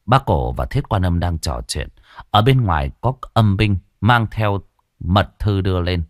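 A man narrating a ghost story with steady storytelling and lively intonation. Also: low voice, a little slow, no echo, clean studio sound.

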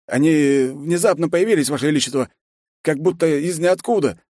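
A man's voice: fairly high pitch, normal speed, darkish tone, no room sound, clean studio sound, voice pushed up, close to an everyday voice. A man voicing a stout, servile general who reports anxiously to his emperor in an audiobook. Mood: nervous. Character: stout middle-aged general, nervous, servile.

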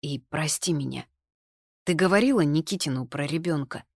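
A woman reading the lines of a lively, stubborn young man in an audiobook, arguing in a brisk way. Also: deep voice, dry recording, clean studio sound. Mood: gentle.

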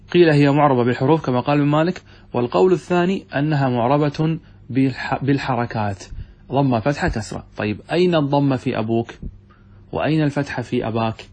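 Fast-talking, husky male grammar teacher. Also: medium pitch, darkish tone. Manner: reads a text aloud, then explains it with questions he answers himself. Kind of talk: classroom lesson.

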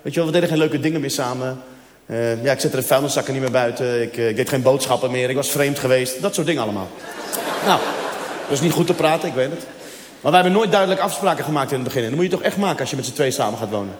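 On stage in a live venue hall, a man does stand-up comedy, telling a story casually and tossing asides to the audience. He talks quickly in a mid-range voice, and the sound is echoey with faint noise.

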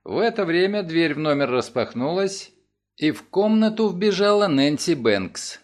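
A man narrating a detective audiobook in a measured, storytelling manner. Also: fairly high pitch, sing-song. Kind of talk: scripted narration.

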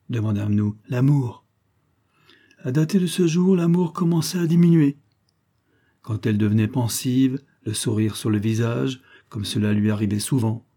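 Grave, husky male storyteller. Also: medium pitch, mellow. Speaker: audiobook reader. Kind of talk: literary audiobook narration.

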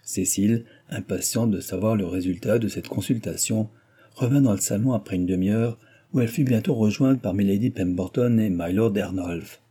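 A male audiobook narrator reading a period novel at a measured, even pace. His voice is low and husky. The tone is dark and mellow throughout. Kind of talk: scripted narration.

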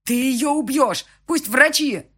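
A man voicing a frantic young man who yells in a shrill, panicked voice. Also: slow, breathy edge, heavily acted. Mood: panicked yelling. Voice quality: shrill, shouting.

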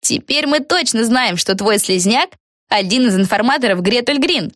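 A bold, impulsive young witch girl, as a woman reading aloud puts her on, all emphatic exclamations. Her raised girlish voice swings lively up and down, dry and close to the mic. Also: on the high side, moderate pace, dry recording, voice pushed up. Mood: eager.

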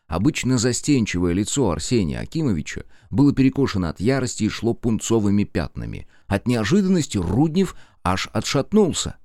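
A man narrating an audiobook with expressive storytelling. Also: lowish voice, fairly quick, hardly any pauses, dry recording, studio quality.

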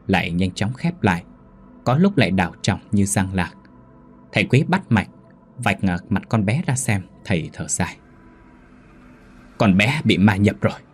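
A man narrating a ghost story in a steady, measured way. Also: lowish voice, slightly rough.

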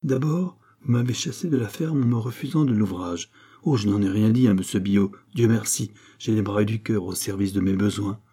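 A man's voice: lowish voice, normal speed, dark tone, breathy edge. A man voicing an awkward young man speaking with hurt, stiff reproach. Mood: reproachful.

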